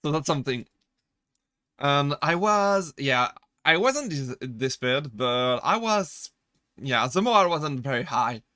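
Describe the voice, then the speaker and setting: A man on a casual chat stream, talking as a VTuber with a bright, forceful tone that sits a little high. He rambles, corrects himself mid-sentence and breaks into laughter while answering chat. The sound is dry and close, with no room around it. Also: lively intonation, unhurried, no room sound. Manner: chatty, rambling, self-correcting.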